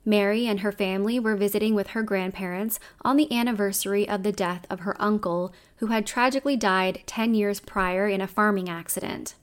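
A woman with a Canadian accent narrating a scripted true crime story as a podcast host. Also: medium pitch.

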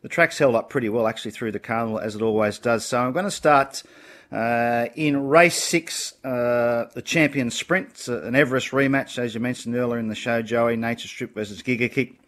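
A man's voice: mid-range voice, a little fast, a bit bright. An Australian man, a horse racing tipster, talking casually and confidently through his picks in a blokey, opinionated way. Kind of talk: casual racing tips on a panel show.

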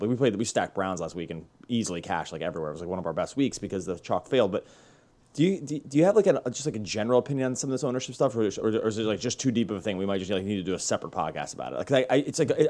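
A man's voice: fairly low pitch, darkish tone. A man hosting a sports podcast, chatting casually and rambling with many restarts. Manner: rambling, self-correcting, upbeat. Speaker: podcast host.

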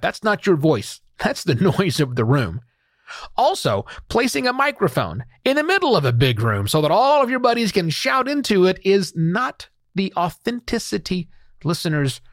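A man's voice: high voice, no echo, clean studio sound. A man hosting a solo podcast, giving earnest, emphatic advice in a conversational way. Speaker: podcast host.

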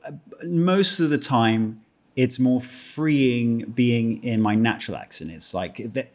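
A British man in his thirties appears as a guest actor on a podcast, chatting casually with jokes and self-mockery. He speaks slowly in a mid-range voice and frequently restarts his sentences.

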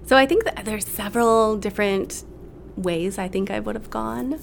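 A woman's voice: medium pitch, moderate pace, gravelly, a little hiss or hum. A middle-aged woman from Illinois, a guest pastry chef in casual podcast chat, talking in a chatty, hesitant way with many fillers. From Illinois, USA.

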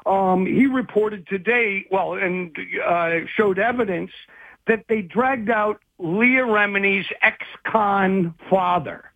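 High-voiced man on a tinny phone line. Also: slow pace, dry recording. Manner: rambling and hesitant, many restarts. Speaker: guest investigative journalist. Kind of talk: phone interview chat.

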